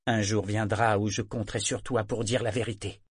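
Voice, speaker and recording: A man reading the part of a headstrong young woman sailor who talks low and rough, with urgent insistence. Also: level tone, normal speed, no room sound, studio quality. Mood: firm.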